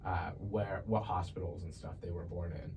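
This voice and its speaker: A young man from Ethiopia talks through his life story as a podcast guest, relaxed and chatty and quick to laugh. His voice sits very low. He is a little far from the mic, with a faint hum of ambience behind him. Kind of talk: casual testimony.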